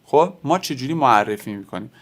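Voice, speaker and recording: A native Persian speaker teaches beginner French, explaining step by step and slowly repeating example words. His voice is mid-range and animated.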